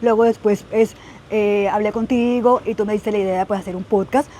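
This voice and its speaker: A woman's voice: mid-range voice, steady tone, fairly quick, mellow, slight background noise. A young woman telling her personal story in a podcast interview, earnest and full of "eh" and "pues" fillers. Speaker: guest sharing her testimony.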